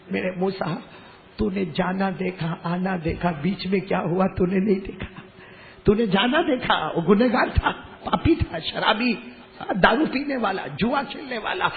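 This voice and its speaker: A man preaching a sermon, telling a story dramatically with rising, emotional peaks. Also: high-pitched. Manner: dramatic, voices the characters, builds to loud emotional peaks. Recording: tinny lo-fi recording in a reverberant hall.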